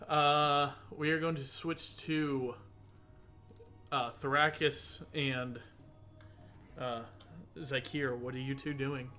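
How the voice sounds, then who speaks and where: A man narrating a tabletop role-playing game as game master, relaxed and dotted with fillers. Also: medium pitch, slow pace, pauses often, soft background music. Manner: relaxed narration with fillers, occasionally loud bursts.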